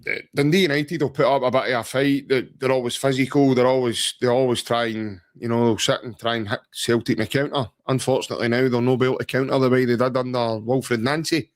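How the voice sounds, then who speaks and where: A Scottish man co-hosts a football podcast in a steady, mid-range voice, talking fast with hardly any pauses. His chat is casual, joking and rambling, full of "mate" and "aye."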